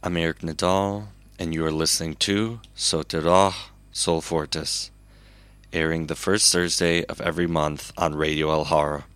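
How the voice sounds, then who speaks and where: A man hosting his own radio show, talking in a calm, unhurried, earnest monologue. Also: rumbling low, clean tone, no room sound. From Chicago, USA. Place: recording alone at a microphone.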